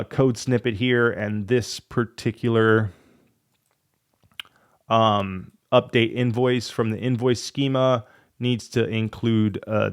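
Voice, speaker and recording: A creaky male voice with fairly low pitch hosts a coding tutorial, worn down by a cold and fading. He talks casually, thinking out loud and muttering irritably while debugging.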